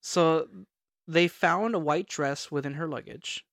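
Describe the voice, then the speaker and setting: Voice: medium pitch, a little slow, a bit bright, dry recording, clean studio sound. A podcast co-host telling spooky stories in a casual, chatty way, informal and playful with some swearing. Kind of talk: casual storytelling chat.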